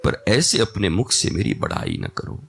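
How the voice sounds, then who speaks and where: A man's voice: deep voice, wildly swooping pitch, a little slow, vocal fry, a bit bright, voice pushed down, exaggerated voice. A man voicing a humble, devoted male monkey-god who pleads to be spared praise. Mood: pleading.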